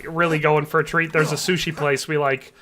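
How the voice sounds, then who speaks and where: A man's voice: a little high, level tone, brisk. A young man from the US Upper Midwest, a game streamer chatting casually, reading chat aloud and laughing easily.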